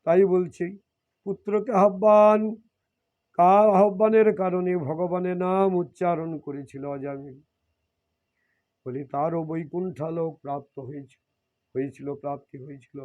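A man's voice: sits high, steady tone, moderate pace, long pauses. A man reading devotional scripture and explaining it, often repeating and rephrasing his points. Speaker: scripture reader and preacher. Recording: dull lo-fi recording.

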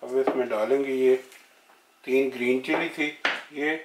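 Speaking a little slowly with fairly even intonation, a medium-pitched man narrates a recipe plainly, one step at a time, for his home cooking video. The kitchen sounds roomy and echoey, with faint noise and food sizzling.

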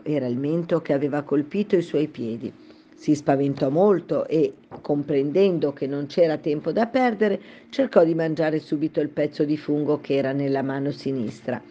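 Low, mellow woman reading a storybook. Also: lo-fi sound. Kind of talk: storybook narration.

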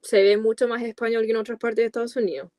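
A Californian woman in her twenties, a native English speaker, chats casually and colloquially as a podcast guest and content creator. Her fairly high voice is fast, mellow and flat in delivery, with a dry, studio-quality sound. She's on a video call from a small dark room lit with coloured lights.

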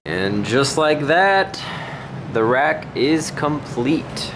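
With a sing-song lilt and drawn-out words, a man with a mid-range voice narrates his home gym vlog from a concrete basement. He sounds casual and hesitant, thinking aloud, while operating the handheld camera mic himself amid background noise.

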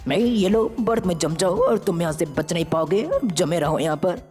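A woman's voice: fairly low pitch, expressive, moderate pace, warm tone, lightly acted. A woman voicing an earnest young male hero in a fan-made game story, talking to himself as he goes. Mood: determined. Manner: eager, earnest, talks to himself while acting. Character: brave young male hero who turns into aliens. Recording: reverberant with faint music.

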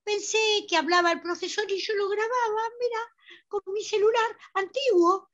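A woman's voice: very high-pitched, steady tone, moderate pace, a bit bright, lo-fi sound. A woman playing a chatty elderly mother who rambles and pleads, with a Rioplatense Spanish accent, full of hesitant fillers. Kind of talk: amateur theatre play over video call.

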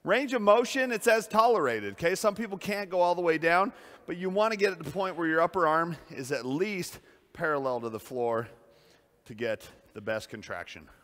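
A man's voice: a little high, lively intonation, normal speed, fairly bright tone, long reverb tail. A man coaching a workout as a personal trainer, upbeat and out of breath between sets, in a gym. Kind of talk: workout coaching while lifting.

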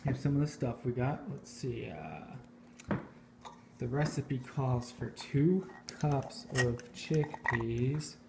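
A man in his thirties filming a casual home cooking vlog in his kitchen, talking in an offhand, self-mocking deadpan. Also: medium pitch, takes it slowly, vocal fry, noisy background. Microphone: phone camera held at arm's length.

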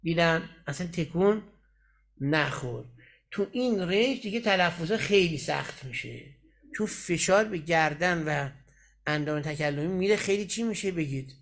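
Teacher, male, high-pitched voice, patient step-by-step explainer who keeps checking in with his class. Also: lively intonation, vocal fry, fairly bright tone. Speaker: Quran recitation teacher. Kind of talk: lecturing in a recitation class.

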